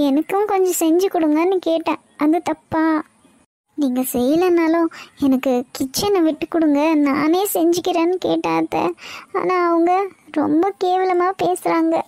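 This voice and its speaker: A woman's voice: extremely high pitch, creaky, dark tone, dry recording. Woman doing a whiny spoiled cartoon girl. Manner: whiny, self-pitying complaints.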